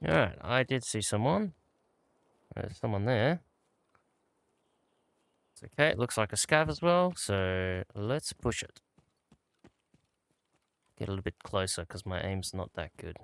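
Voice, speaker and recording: A man gives relaxed gameplay commentary, muttering to himself as he loots. His low voice has a gravelly rasp to it. The sound is dry and close, with no room around it. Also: unhurried, pauses often, dry recording. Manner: laid-back, talks to himself while looting. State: out of breath at times. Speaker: gaming channel host.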